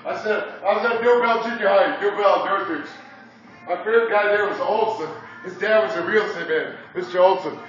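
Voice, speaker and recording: A man's voice: sits high, fairly quick, a bit bright. A man in his fifties from Indiana, rambling crudely through stories as a coffee shop customer and chuckling between them. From Indiana, USA. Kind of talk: rambling monologue. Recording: echoey dull distant room recording with music.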